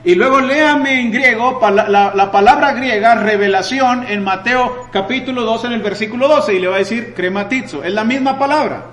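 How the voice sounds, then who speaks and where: A man preaching a sermon, asking his listeners rhetorical questions and answering them himself, with loud emphatic bursts and quieter explaining stretches. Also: very high voice, moderate pace, hardly any pauses, roomy sound, poor audio.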